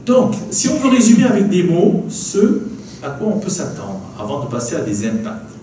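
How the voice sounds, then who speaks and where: A man's voice: high voice, wildly swooping pitch, moderate pace, warm tone. A man with a southwestern French accent, giving a public lecture on slides in a chatty way, often adding "hein" and "d'accord". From southwest France. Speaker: meteorologist giving a public talk. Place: archive building lecture room. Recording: echoey room, from a distance, faint noise.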